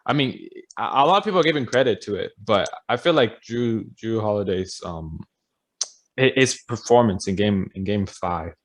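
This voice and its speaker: A man's voice: on the low side, expressive, normal speed. A young man co-hosting a podcast in casual chat, hesitant and full of fillers as he works through his points. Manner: hesitant, lots of fillers and restarts. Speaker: podcast co-host.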